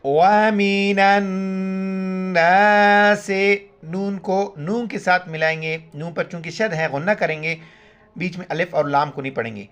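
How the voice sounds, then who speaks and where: A man teaching Quran reading, spelling out letters and vowel marks syllable by syllable, then chanting each verse slowly and drawn out, with quick spoken explanations in between. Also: on the high side, fairly bright tone. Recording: muffled lo-fi home recording.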